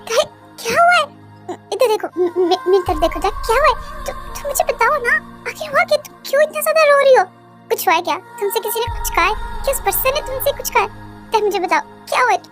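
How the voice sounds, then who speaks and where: A woman's voice: very high voice, fast, over music. A woman voicing a protective young man who anxiously coaxes and questions in a fan audio drama. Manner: urgent, coaxing, anxious questioning.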